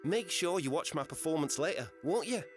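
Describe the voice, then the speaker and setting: An actor playing a friendly, easy-going travelling musician in a game. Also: male voice, a little high, lively intonation, fairly quick, natural voice. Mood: easygoing. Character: friendly travelling musician man, young adult. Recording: game audio over music.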